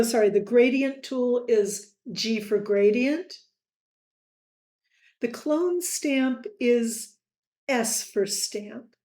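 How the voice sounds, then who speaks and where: Lady walking you thru software, slow and mellow, kinda roomy sound. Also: a little high. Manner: slow, friendly quiz-style asides. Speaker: software tutor. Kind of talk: screen-recorded tutorial.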